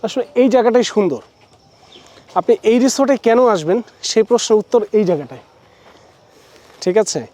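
A man from Bangladesh gives a chatty, casual walking tour in a high but mellow voice. He talks outdoors among forest trees and sprinkles in English words. He stops often to correct himself mid-sentence. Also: animated, moderate pace, long pauses. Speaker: travel vlogger. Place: outdoors at a forest riverside resort.

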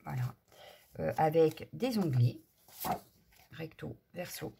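A woman's voice: sits low, lively intonation, slow pace, vocal fry, warm tone, slight background noise. A woman chatting casually through a craft haul, hesitant and full of fillers. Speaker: craft vlogger.

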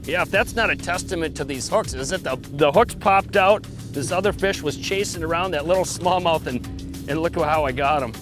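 Fairly quick and a touch high-pitched, a man chats in a down-home, colloquial style while giving a fishing demonstration for a show. The setting is a boat out on an open lake, backed by music.

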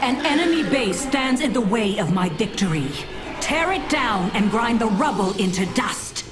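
A woman's voice: a little high, animated, moderate pace, natural voice. An actress playing a haughty, contemptuous female alien warlord in a video game, with a grand, commanding delivery. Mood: commanding, vengeful. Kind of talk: video game dramatic voice acting. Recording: game music loud over the voice.

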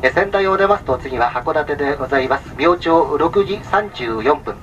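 Heard from a distance through a muffled sleeper-train PA with vehicle noise, a male conductor delivers a formal, polite announcement. His fairly high voice is animated and a bit bright, and he lists details in a measured way with small fillers.

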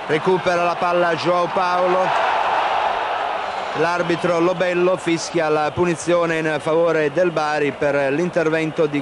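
A man giving live football play-by-play commentary on television, factual and measured, naming players in clipped phrases. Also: on the high side. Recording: noisy old 1990 TV broadcast.

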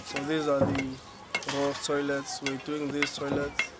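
A man's voice: on the high side, monotone, measured pace, heavy background noise. A man explaining sampling step by step at an outdoor field site. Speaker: field researcher.

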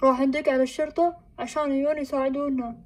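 An urgent family father, voiced by a woman, barking hurried orders in a home-made drama. The pitch is high and flat, and the lines come fast. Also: natural voice. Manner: hurried commands. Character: urgent father Abu Salem, middle-aged.

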